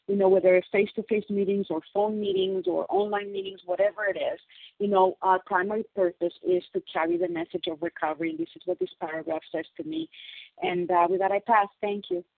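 Husky woman on a crackly phone line. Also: medium pitch, expressive, quick pace, no echo. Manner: earnest, explanatory, repeats key phrases. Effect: crackly phone line fading in and out. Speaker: meeting participant sharing. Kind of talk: sharing at a recovery phone meeting. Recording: tinny dry phone line.

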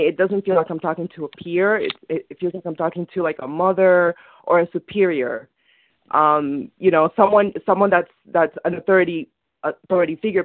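A woman's voice: on the low side, dry recording. Hesitant young woman caller on a phone line. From Dominican Republic. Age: 20s. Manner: hesitant, many restarts and fillers.

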